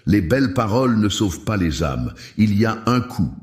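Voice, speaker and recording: A man voicing a scornful male former companion from a dark past, with a sharp, mocking tone. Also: fairly low pitch, big pitch swings, normal speed. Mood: cold, mocking. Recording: roomy echo.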